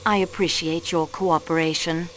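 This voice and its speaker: A woman playing a patient, courteous investigator for a detective, asking questions in a formal, calm way. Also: deep voice, normal speed, slight background noise. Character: polite, patient assistant to a French detective.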